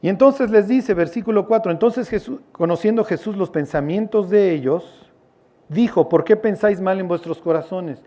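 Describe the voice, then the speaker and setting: A man's voice: sits high, normal speed, dark tone. A man with a Mexican accent preaching a sermon as a pastor, in a casual, joking, storytelling way with slang.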